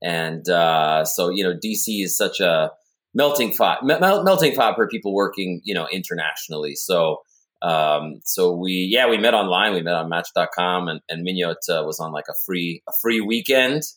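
A man's voice: low voice, expressive, normal speed, fairly bright tone. A man speaking as a podcast guest, rambling with many restarts.

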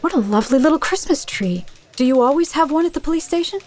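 A well-bred reformer in a period drama. She is earnest, proper and determined, with a somewhat high voice and articulate phrasing. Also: animated, fast, darkish tone, slight background noise. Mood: polite.

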